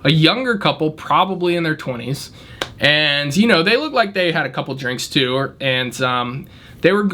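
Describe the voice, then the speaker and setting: A man casually telling an animated story about his valet job, often laughing as he talks. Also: fairly high pitch, moderate pace.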